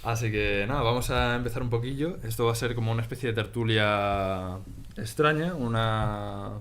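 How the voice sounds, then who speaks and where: A man in his twenties from Spain hosting a relaxed chat with friends, laughing easily and restarting his sentences. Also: mid-range voice, moderate pace, smooth. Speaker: podcast host. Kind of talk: casual chat.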